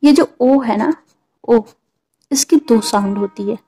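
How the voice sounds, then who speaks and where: A woman's voice: on the high side, slow pace, mellow, breathy edge. A woman patiently explaining English pronunciation to viewers, repeating points and checking in with them. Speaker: teacher.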